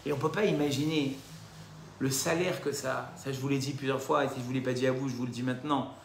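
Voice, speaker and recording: Gravelly man teaching a religious class. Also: medium pitch, fast talker, echoey room, a little hiss or hum. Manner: lively, addresses listeners directly with rhetorical questions. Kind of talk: recorded Torah class lecture.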